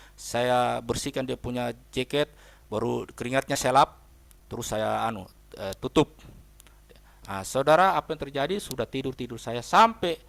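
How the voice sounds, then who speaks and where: Preaching with emphasis, a pastor shares a personal story from the pulpit, speaking directly to the congregation again and again as brothers and sisters. His voice is mid-range and fairly bright, with some vocal fry.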